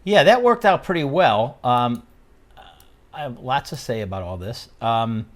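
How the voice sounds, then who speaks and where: A man's voice: mid-range voice, expressive, a little slow. A middle-aged man hosting a podcast, chatting casually and rambling with frequent laughs. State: out of breath. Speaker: podcast host. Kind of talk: casual chat.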